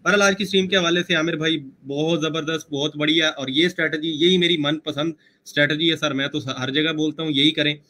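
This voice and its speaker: A man's voice: fairly high pitch, fairly even intonation, a little fast, pushed and bright. A man on a remote call co-hosting a religious debate stream, joking and teasing, and reciting couplets with emphasis. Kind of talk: casual chat with banter and recited couplets.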